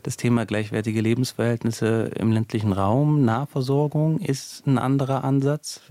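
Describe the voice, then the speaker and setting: A man's voice: mid-range voice, level tone, normal speed, mellow, no room sound. A male sociologist explaining in a radio interview, thinking aloud with fillers as he goes. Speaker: sociologist guest.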